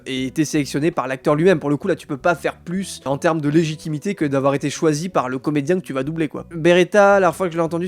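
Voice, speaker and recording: A man hosting a live stream, chatting casually about films and addressing his viewers with many fillers. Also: fairly high pitch. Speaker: streamer host.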